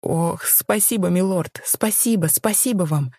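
A woman reading as a young maid who pleads in a high, tearful voice while secretly scheming. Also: a little fast, a little mellow, no room sound, clean studio sound, close to an everyday voice. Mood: pleading.

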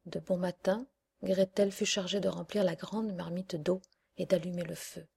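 A woman narrating a fairy tale audiobook in a soft, hushed storytelling manner. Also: fairly low pitch, level tone, normal speed, creaky, slightly rough. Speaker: audiobook reader.

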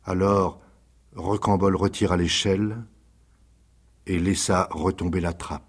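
A man reading aloud a dark serial novel in a measured, dramatic storytelling voice. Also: low-pitched, fairly even intonation, a little hiss or hum. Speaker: reader. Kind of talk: scripted dramatic narration.

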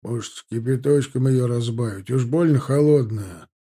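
A man voicing an older male army orderly, eager and folksy, speaking loudly. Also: mid-range voice, moderate pace, husky, natural voice. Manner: loud, folksy servant's talk.

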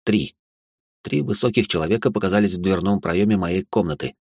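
Dry, low-voiced male story narrator. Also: brisk, gravelly, no room sound. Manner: tense, expressive, rising to outbursts. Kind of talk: dramatic first-person audiobook narration.

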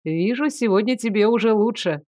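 A gruff, no-nonsense half-orc young woman , as a female narrator puts her on, speaking in short, plain phrases. The sound is dry and close. Her voice sits in a medium register. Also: mid-range voice, brisk, darkish tone, no echo, close to an everyday voice. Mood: blunt.

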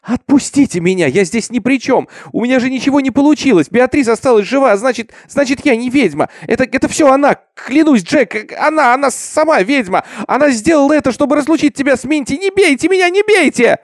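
A man's voice: high-pitched, lively intonation, brisk, darkish tone, no echo, clean studio sound, voice pushed up. A man voicing a terrified young peasant girl accused of witchcraft, pleading and stammering. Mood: hysterical.

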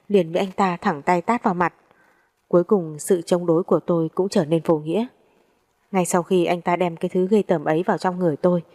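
Woman, audiobook narration, first person, steady and measured, somewhat low pitch. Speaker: storyteller.

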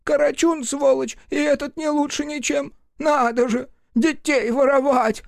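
Screeching feathered imp. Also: male voice, extremely high pitch, level tone, a little slow, gravelly, no room sound, clean studio sound, voice pushed up, full character voice. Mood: indignant. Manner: screeching, squealing protests. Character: shrill furry feathered male imp, cheeky and loud.

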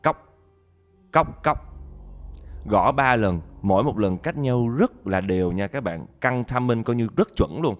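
A man's voice: lowish voice, expressive, normal speed, few pauses, soft background music. A man narrating a listener's ghost story, talking straight to his audience with dramatic storytelling.

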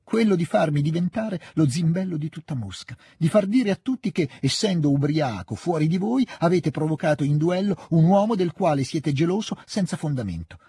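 A man reading aloud voices a scornful young noblewoman scolding her husband, raising a husky voice into cutting, loud reproach. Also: mid-range voice, very animated, normal speed, no room sound, studio quality. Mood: heated. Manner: cutting, contemptuous, rising to shouting.

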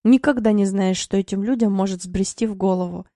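A woman's voice: mid-range voice, brisk, warm tone, dry recording, clean studio sound, natural voice. Barsik, a grumbling lazy house cat voiced by a woman. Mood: sly. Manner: grumbling, self-pitying. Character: lazy, cheeky pet tomcat, comfort-loving. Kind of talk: audiobook narration.

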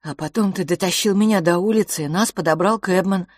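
A woman voicing a calm, cool-headed boy, the older twin, speaking quietly and measuredly in an audiobook. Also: on the low side, fairly quick, no room sound, clean studio sound, lightly acted. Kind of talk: audiobook character voice.

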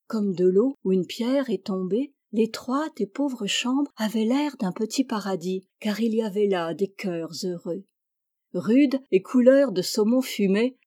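A woman reading a classic story aloud in a measured, descriptive way. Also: medium pitch, warm tone, dry recording, clean studio sound. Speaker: reader. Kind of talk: scripted narration, audiobook.

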